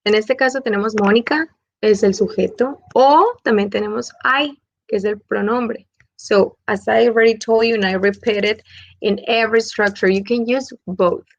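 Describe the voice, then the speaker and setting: A woman teaches English grammar, stepping slowly through each example. Her voice sits a little high with a gravelly edge. The sound is dry and somewhat dull. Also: no echo. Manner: switches between Spanish and English, slow over example sentences. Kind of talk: online grammar lesson.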